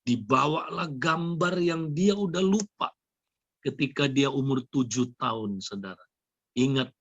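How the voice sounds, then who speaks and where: A man's voice: fairly high pitch, a bit bright, no room sound, muffled recording. A male pastor preaching an emphatic sermon, often addressing his listeners as brothers and sisters. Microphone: online seminar audio.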